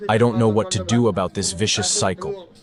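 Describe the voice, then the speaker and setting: A man's voice: fairly low pitch, fairly quick, music in the background. A man from Bangladesh speaking as an interviewee in a plain, earnest way.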